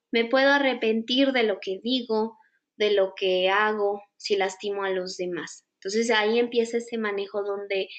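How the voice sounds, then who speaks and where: A woman's voice: fairly high pitch, dull audio. A woman with a Mexican accent, teaching a live online psychology class in a conversational way and asking her audience many questions. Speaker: psychology instructor.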